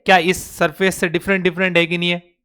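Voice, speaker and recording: A man's voice: sits high, flat delivery, brisk, sharp tone, clear, resonant tone. A man teaching chemistry in Hindi with a Rajasthani accent, constantly quizzing his students with call-and-response questions. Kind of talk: classroom lecture. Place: online class recording.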